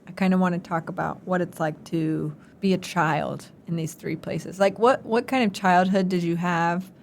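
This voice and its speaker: A woman's voice: lowish voice, darkish tone, a little hiss or hum. A young woman in her twenties co-hosting a casual chat, with a teasing, jokey manner. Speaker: co-host.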